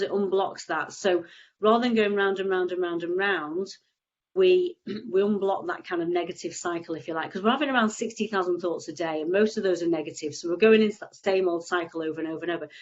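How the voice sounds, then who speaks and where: A woman guest, an EFT tapping practitioner, explains tapping casually on a video call in a fairly low voice. She has a cold and a stuffy nose, rambles and frequently restarts, and the recording sounds muffled.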